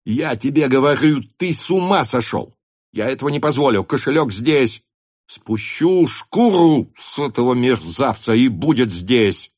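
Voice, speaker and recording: A man reading an audiobook, voicing a hot-tempered male hussar officer who shouts in fury. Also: medium pitch, sing-song, extremely slow, full character voice. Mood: furious shouting. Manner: shouting, furious. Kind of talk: audiobook character voice.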